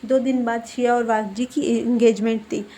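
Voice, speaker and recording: A woman's voice: fairly high pitch, steady tone, moderate pace, warm tone. A woman casually retelling a fan fiction story in her own words, with fillers, reading out the characters' lines as she goes.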